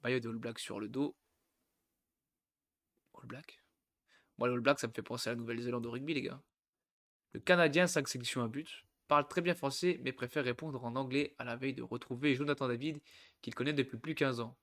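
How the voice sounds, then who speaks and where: A Yonne man past twenty-five streams football casually, his mid-range voice a bit bright with fairly even intonation. He talks fairly quickly but pauses often, reading aloud, interrupting his own sentences and slipping in jokey asides.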